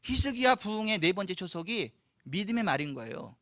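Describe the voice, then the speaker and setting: A man preaches in a high, bright voice that leaps up and down with energy. He acts out family arguments in quick put-on voices and stacks up phrases with rising force. The sound is dry and close. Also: very animated, no room sound. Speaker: pastor. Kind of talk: sermon. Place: church sanctuary.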